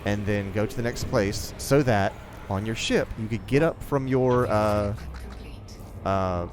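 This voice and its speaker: Low-voiced man in halting game chat. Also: a little hiss or hum. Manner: halting, many fillers and restarts. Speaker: streamer playing a space game with friends. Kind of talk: casual gaming chat. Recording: music playing behind the voice.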